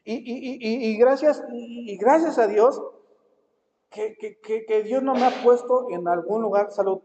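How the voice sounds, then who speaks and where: A man's voice: extremely high pitch, a little slow, warm tone, a little hiss or hum. A man preaching a sermon as pastor, often repeating and restarting words. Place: church hall. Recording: dull lo-fi recording with long hall reverb.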